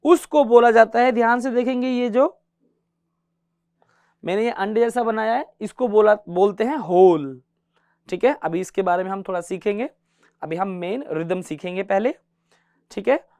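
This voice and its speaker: A man's voice: high voice, moderate pace, long pauses, darkish tone, smooth, no echo. A man teaching a guitar class, patiently counting beats aloud and mixing English terms into his explanations. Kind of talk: classroom music lesson.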